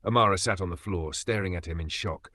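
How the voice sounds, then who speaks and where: Male storyteller, lowish voice, dry sound, dramatic reading. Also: brisk, sharp tone, dry recording. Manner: emotive storytelling.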